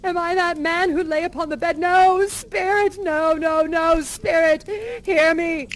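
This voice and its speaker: A woman voicing Scrooge, a remorseful old miser, in a loud, dramatic storytelling voice. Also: extremely high pitch, fairly even intonation, unhurried, a little hiss or hum, pitched above the performer's own voice. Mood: pleading. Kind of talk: theatrical storytelling to children.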